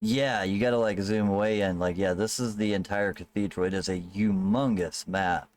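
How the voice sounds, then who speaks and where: Low-voiced man GM, relaxed, profane, chatty. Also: normal speed. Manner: loose, swearing, laughing asides. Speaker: game master. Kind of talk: casual tabletop game narration.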